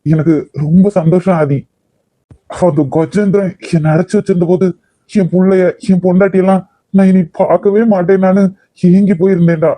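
A man plays a doting older father in a cartoon, soon to be a grandfather. He talks gently and reassuringly, in a slightly high but mellow voice, close and dry. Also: steady tone, moderate pace, dry recording. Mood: fond. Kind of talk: cartoon voice acting.

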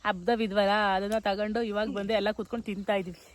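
Fast-talking village woman vlogger. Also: mid-range voice, flat delivery, a little hiss or hum. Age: adult with children. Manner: chatty, running commentary on family chores. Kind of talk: casual vlog narration. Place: outdoors at a farm.

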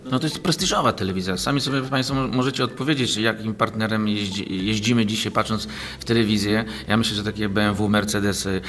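A man's voice: on the low side, fairly even intonation, quick pace, fairly bright tone. A man in his forties, a guest in an interview, answering at length with many fillers and restarts, recorded on a desk mic in a small office studio. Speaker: league president, guest. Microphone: desk mic on boom arm.

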